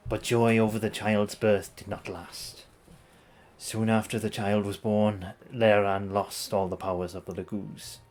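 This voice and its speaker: A man's voice: fairly low pitch, level tone, a little slow, darkish tone, slight background noise. A man streaming a game, reading its story dialogue aloud in a playful, dramatic way with casual asides.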